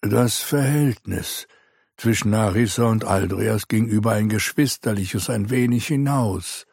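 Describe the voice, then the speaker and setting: A man's voice: medium pitch, measured pace, a little mellow, breathy edge, dry recording, clean studio sound, pitched above the performer's own voice. A man voicing a weary, grave older knight commander in an audiobook reading.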